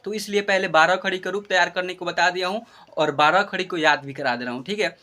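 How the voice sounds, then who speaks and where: A man teaching Hindi script in a classroom lesson, drawing out syllables in a slow chant and checking that the children follow. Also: high-pitched, pushed and bright. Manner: instructive, checks understanding with the class.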